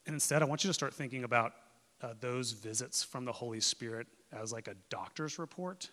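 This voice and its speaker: A male pastor preaches in an earnest, conversational way, shifting from loud emphasis to near-hushed pleas. His voice is bright and forceful at a middle pitch. A long reverb of the church sanctuary follows his words. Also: brisk. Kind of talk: sermon.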